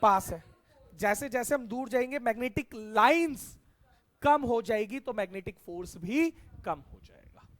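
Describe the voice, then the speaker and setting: A man's voice: very high voice, lively intonation, measured pace. A middle-aged man teaching a science class, asking his students questions and repeating the key answers back to them.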